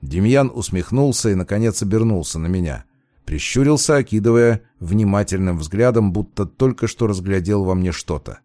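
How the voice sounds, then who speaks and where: A man reads a first-person audiobook in a steady, measured storytelling voice. His tone sits low, and the sound is close and dry. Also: no echo. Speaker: audiobook narrator.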